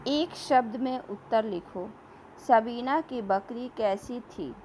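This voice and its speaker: A woman teacher giving a slow classroom lesson, reading questions and answers aloud and repeating words for young pupils. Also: fairly high pitch, darkish tone, slight background noise, low-quality recording.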